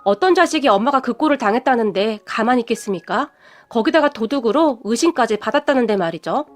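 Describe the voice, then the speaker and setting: A young woman narrating her own radio story in an earnest, quick-tempered way. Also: on the high side, expressive. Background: faint background music.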